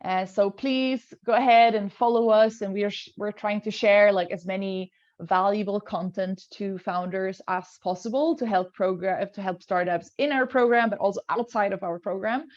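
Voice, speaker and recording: A woman's voice: medium pitch, moderate pace, a little mellow, highs cut off. A woman hosting a webinar over a video call, with many fillers and restarts as she explains the schedule. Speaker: event host.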